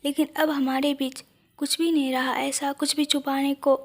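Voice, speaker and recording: Tender young husband for an audio story, read by a woman: soft, affectionate, high and even. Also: moderate pace.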